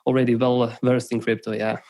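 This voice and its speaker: A man's voice: medium pitch, flat delivery, normal speed, darkish tone. A young man from Slovenia, a podcast guest, talking casually and rambling, with many restarts and "right?" tags. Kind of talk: casual interview talk.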